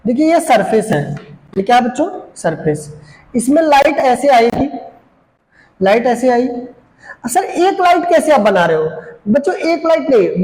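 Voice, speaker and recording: A man's voice: very high voice, darkish tone, echoey room, rough recording. A man teaching a physics lesson to children, asking questions and answering them himself, mixing English terms into his Hindi speech. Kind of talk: classroom lecture to children. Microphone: camera.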